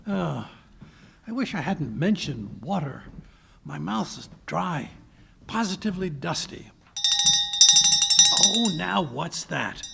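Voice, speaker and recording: A man's voice: fairly high pitch, big pitch swings, slow, vocal fry, long pauses, pushed and bright, slight background noise, full character voice. A man acting a flustered, anxious English doctor sidekick in a 1940s-style radio drama, blustering and stammering.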